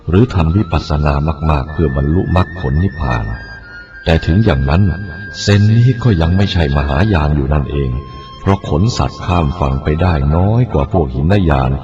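Male monk, very low voice, measured Buddhist reading, faint music under a muffled recording. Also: darkish tone. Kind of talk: reading a written Buddhist teaching aloud.

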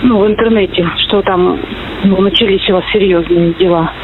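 A woman's voice: medium pitch, steady tone, normal speed, noisy background. A middle-aged woman talking privately on the phone as a mother, tender and anxious in her manner. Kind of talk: emotional private phone conversation. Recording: muffled intercepted phone line, music over it. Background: music.

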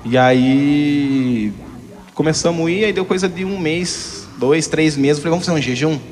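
A man's voice: fairly high pitch, moderate pace, darkish tone. A young man telling his own testimony frankly, rambling, with frequent tag questions. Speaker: guest giving a testimony. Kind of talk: candid personal testimony. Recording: hall reverb.

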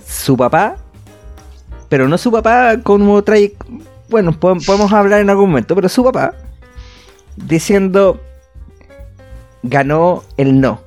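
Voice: mid-range voice, lively intonation, moderate pace, long pauses, a little mellow, soft background music. Slangy Chilean co-host joking around. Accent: Chilean Spanish. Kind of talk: casual chat.

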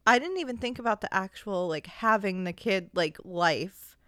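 A young woman chatting easily with a friend, her words tumbling out with plenty of "like" and quick laughs. Her voice sits in a middle register and is recorded close and dry, with no room sound. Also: mid-range voice, expressive, a bit bright, dry recording. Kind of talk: casual chat.

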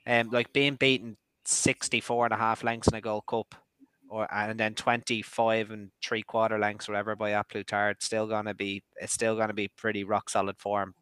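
A man's voice: fairly low pitch, flat delivery, normal speed, a bit bright, clean tone, no echo, low-quality recording. A man co-hosting a racing podcast, jokey and laid-back in casual chat.

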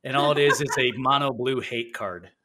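A man co-hosting a podcast in casual chat, rambling and animated, acting out other players as he tells stories. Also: mid-range voice, normal speed, background noise. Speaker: podcast co-host.

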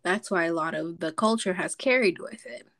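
A woman's voice: fairly low pitch, moderate pace, fairly bright tone. A young woman from Zambia, a podcast guest chatting casually, telling stories with lots of likes and ums. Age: young adult.

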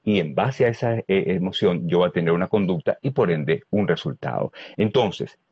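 A man with a Venezuelan accent, a guest explaining emotional intelligence in a lively way and asking many rhetorical questions. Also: deep voice, moderate pace, husky, dry recording, muffled recording. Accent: Venezuelan Spanish.

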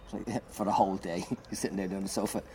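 Low-voiced man telling a swearing comic story. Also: fast. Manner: animated, swears freely, laughs through his story. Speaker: comedian. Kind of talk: casual storytelling chat. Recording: clear background noise.

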